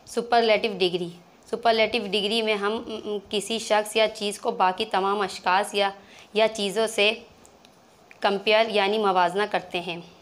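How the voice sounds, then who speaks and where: A woman explaining grammar to learners, patiently repeating terms, with frequent pauses and restarts. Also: medium pitch, fairly even intonation. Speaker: English grammar teacher.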